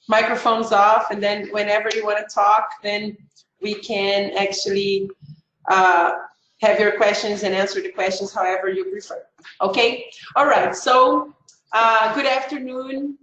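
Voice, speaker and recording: A woman's voice: a little high, fairly bright tone, roomy sound, poor audio. A middle-aged Brazilian woman, a native Portuguese speaker with a Brazilian accent, giving a chatty online talk as an education advisor over a video call, with many fillers and restarts.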